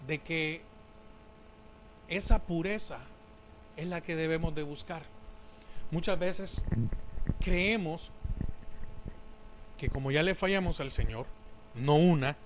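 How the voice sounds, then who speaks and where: A man preaching a sermon in church, halting, with frequent fillers and restarts. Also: fairly high pitch, slight background noise, rough recording. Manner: slow, halting delivery with many fillers and restarts.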